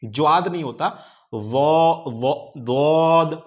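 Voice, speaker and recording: Slow, patient man teaching letter sounds. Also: fairly high pitch, muffled recording. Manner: patient, repeats each letter sound many times, drawn out. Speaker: Quran recitation teacher. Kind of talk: slow pronunciation lesson with drawn-out repetitions.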